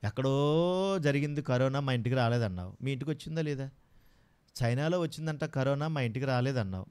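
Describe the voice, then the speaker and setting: A man's voice: medium pitch, a little mellow, smooth. A man preaching a sermon with passion, firing rhetorical questions at his congregation.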